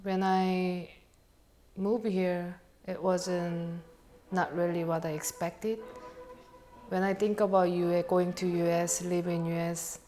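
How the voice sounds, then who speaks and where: A woman with a Korean accent, speaking English as her second language, tells her story as a barber in a documentary interview. Her phrasing is halting and she laughs at herself. Her voice is fairly low, mellow and flat in delivery, with faint music in the background.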